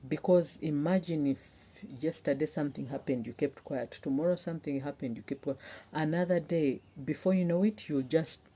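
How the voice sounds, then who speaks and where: A woman's voice: low voice, moderate pace, dark tone, breathy edge. A young woman vlogger talking earnestly to her viewers, pleading and heartfelt as she gives relationship advice. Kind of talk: personal talk to camera.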